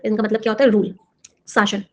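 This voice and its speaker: A woman's voice: medium pitch, level tone, fast. A woman teaching vocabulary for exams, explaining in Hindi with terms and constantly quizzing her students. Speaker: English teacher for exam prep. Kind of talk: classroom lesson.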